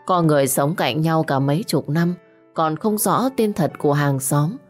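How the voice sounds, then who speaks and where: A woman narrating a village tale in a slow, measured, dramatic storytelling manner. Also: deep voice. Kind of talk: scripted audio story narration. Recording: faint background music.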